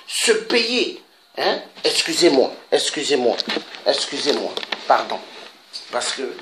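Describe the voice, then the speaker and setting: A man from Africa making an impassioned, repetitive public appeal, pleading with his listeners and pausing on interjections. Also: mid-range voice. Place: Paris. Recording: echoey room with faint noise.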